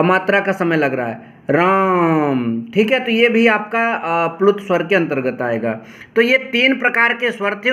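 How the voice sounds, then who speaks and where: A male teacher giving a lesson, repeating each definition slowly and calling on his students to pay attention. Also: high voice, bright, forceful tone. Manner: addresses students directly, often says "pay attention". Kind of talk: classroom lesson explaining grammar.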